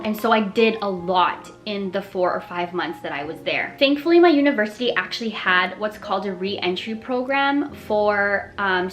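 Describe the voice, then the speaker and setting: A woman's voice: medium pitch, a bit bright. Tearful young woman sharing her story. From North America. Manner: earnest and reflective, with many fillers. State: tearful, emotional. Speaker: vlogger. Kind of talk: personal storytelling to camera.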